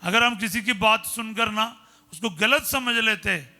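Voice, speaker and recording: High bright-voiced priest preaching. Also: male voice, a little slow, faint music behind. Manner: storytelling preacher, simple conversational Hindi, exclaims hallelujah. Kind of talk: sermon with personal stories.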